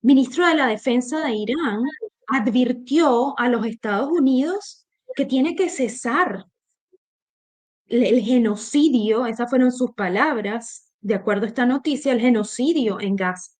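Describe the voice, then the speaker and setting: With a fairly high, darkish voice and an unhurried pace, a Venezuelan woman co-hosts a political discussion in Venezuelan-accented Spanish. She makes her points emphatically and with strong opinions, restarting phrases often.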